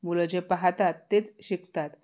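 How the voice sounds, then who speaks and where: A woman voicing a sick wife who speaks calmly and softly while defending herself. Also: lowish voice, moderate pace, lightly acted. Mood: weary. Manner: calm, pleading. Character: sick, patient wife, young adult woman.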